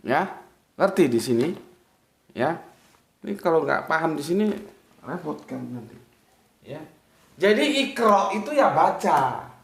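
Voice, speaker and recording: A man's voice: on the high side, very animated, a little slow, vocal fry, pauses often. A man giving an informal religious lecture, casual and direct, often checking that his listeners follow. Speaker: religious teacher. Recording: echoey room.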